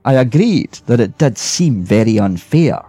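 A man's voice: medium pitch, big pitch swings, dark tone, breathy edge, no echo, faint music behind. Man reading a ghost story aloud. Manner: measured first-person storytelling. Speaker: reader. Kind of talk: scripted storybook narration.

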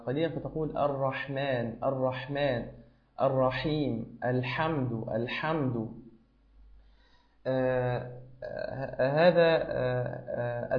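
Man, recitation teacher, patient, demonstrates letters, roomy, muffled sound. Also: a little high. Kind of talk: correcting recitation pronunciation.

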